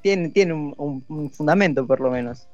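An Argentine man with a voice on the high side hosts a casual podcast chat at normal speed, joking around and using plenty of filler sounds. The dry, dull lo-fi audio has no echo and faint music underneath.

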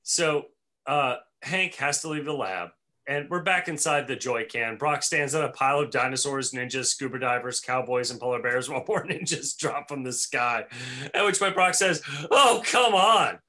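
A man's voice: mid-range voice, moderate pace, sharp tone. A man co-hosting a podcast, chatting loosely with fillers as he recaps a cartoon episode. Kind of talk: casual chat.

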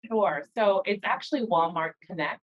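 A woman who founded an organization answers interview questions as a guest, speaking conversationally at a moderate pace in a medium pitch. The call audio is dull and lo-fi.

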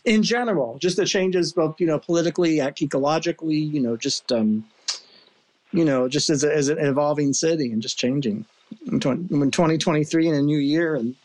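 A man's voice: fairly high pitch, fairly quick, darkish tone. A man hosting an interview podcast, asking rambling questions full of restarts and fillers. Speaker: podcast host. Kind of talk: casual interview chat.

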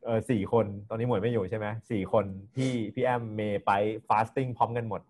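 A man hosting a podcast in a casual group chat, relaxed and chatty, often laughing between thoughts. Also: lowish voice, fairly quick. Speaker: podcast host.

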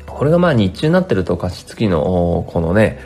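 A man's voice: sits low, very animated, a little fast, warm tone, soft background music. A male tax accountant hosting his own podcast from his home work room, talking in a chatty, rambling way with lots of fillers, his voice dry and strained in the morning. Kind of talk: casual solo podcast talk. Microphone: home studio mic.

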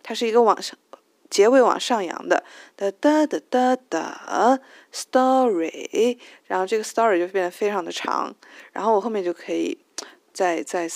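A woman's voice: mid-range voice, fairly even intonation, a little fast, no echo. A woman with a Chinese accent, native Chinese speaker, hosting a casual spoken English lesson, thinking aloud with many fillers and restarts and singing out stressed syllables to show rhythm. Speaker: host of language tips show.

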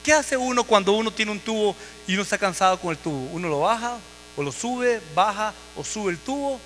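High bright preacher. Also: male voice, lively intonation, brisk. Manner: vivid emphatic storytelling. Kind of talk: sermon testimony. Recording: long hall reverb with faint mains hum.

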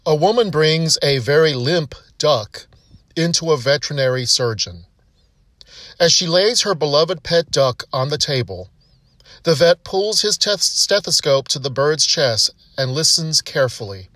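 A man narrating a joke story in a steady, measured way. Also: fairly high pitch, no echo, recorded from a distance. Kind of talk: reading a joke aloud.

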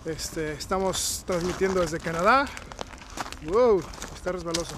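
A man's voice: high-pitched, a little slow. A man hosting a podcast, chatting casually with many fillers and restarts while walking outdoors in the snow. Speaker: podcast host. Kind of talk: casual interview chat. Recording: outdoor recording with crunching snow noise.

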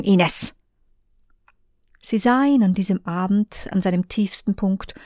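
A woman narrating an audiobook in a hushed voice that often drops to a whisper. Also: medium pitch, dry recording, studio quality.

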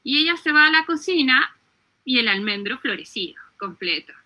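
A woman, earnestly telling a devotional story in conversation, often pausing and restarting. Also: high voice, big pitch swings, sharp tone. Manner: earnest, with frequent hesitations and restarts.

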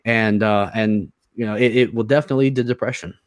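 Earnest halting man, dry close sound. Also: lowish voice, steady tone, no echo. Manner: earnest, halting, repeats words often. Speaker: interview guest. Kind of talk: personal testimony in an interview.

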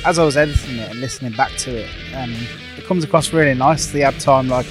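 Male British podcast host, slightly high voice, enthusiastic casual chat with guitar music behind. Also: quick pace.

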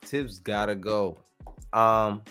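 A man's voice: fairly low pitch, slow, clear, resonant tone, faint music behind. Laid-back New man talking hoops. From New York area. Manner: animated, slangy, laughs often. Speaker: podcast co-host. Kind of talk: casual sports chat.

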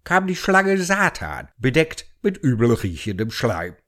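A man narrating an audio story in a dry, deadpan storytelling manner. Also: mid-range voice, measured pace.

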